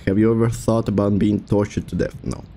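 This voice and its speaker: A man in his thirties doing casual horror game commentary, reading prompts aloud and joking flippantly in halting phrases. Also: lowish voice, flat delivery, dark tone, faint music behind. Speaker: streamer playing a horror game.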